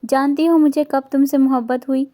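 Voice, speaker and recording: A woman's voice: high voice, fairly even intonation, dark tone, lightly acted. A woman voicing a young husband in a romance novel reading, teasing and earnest by turns. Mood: affectionate.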